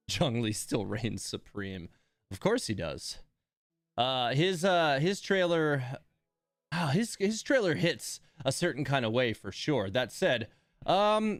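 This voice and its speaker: Clean studio audio, free of room sound, carries a medium-pitched male streamer. He keeps up casual commentary while playing, his tone wry and a little grumbly.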